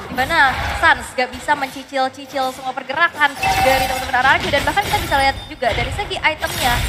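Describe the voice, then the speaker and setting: A woman with an Indonesian accent giving hyped esports commentary with emphatic announcer calls. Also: sits high. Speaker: esports caster.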